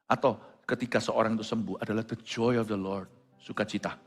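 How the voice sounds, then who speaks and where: A man pastor preaching a sermon, who moves between quiet storytelling and loud exclamations and drops English phrases into his talk. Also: on the low side, steady tone, a little fast. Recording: long hall reverb with faint music.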